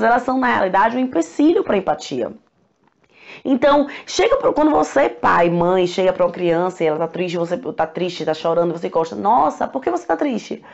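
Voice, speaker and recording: A Brazilian woman, a parenting educator, talking to camera in a conversational way and acting out parents' questions in a higher voice. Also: a little mellow. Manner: conversational, acts out parents' questions with rising pitch. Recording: slightly dull lo-fi sound.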